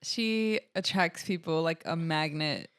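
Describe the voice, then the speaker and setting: A woman co-hosting a podcast, her voice smooth and a little low. She chats casually and backs up her partner warmly. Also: slow pace. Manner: supportive, agreeable. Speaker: podcast co-host.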